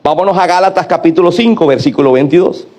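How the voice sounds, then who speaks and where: A man's voice: sits high, quick pace, darkish tone. A middle-aged man preaching a sermon, asking rhetorical questions and having the congregation repeat after him. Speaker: pastor.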